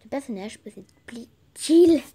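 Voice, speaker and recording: A woman's voice: on the high side, lively intonation, measured pace, noisy background. A young French woman playing a guessing game on camera, reading its questions aloud and answering them herself in a casual vlog.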